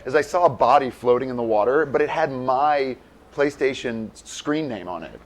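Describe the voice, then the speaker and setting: This man's mid-range voice comes through poor audio at a normal pace. He's co-hosting a live game stream, chatting casually while playing, animated and rambling with plenty of "like" thrown in.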